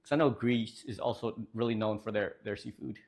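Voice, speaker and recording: A man's voice: lowish voice, fairly quick, creaky, a little mellow. A young man streaming live, chatting casually with viewers in a joking, rambling way with lots of fillers.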